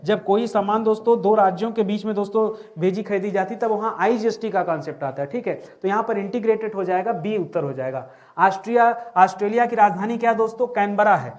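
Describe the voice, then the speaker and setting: Male exam tutor, fairly high voice, quizzes and re-asks his listeners. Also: a little mellow. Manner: repeats questions back, calls listeners "friends". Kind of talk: exam answer-key walkthrough.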